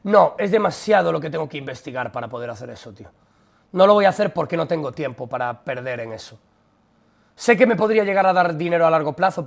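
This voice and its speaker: A man's voice: fairly high pitch, creaky. A young man with a Spanish accent from Spain, ranting bluntly and profanely at his live-stream chat.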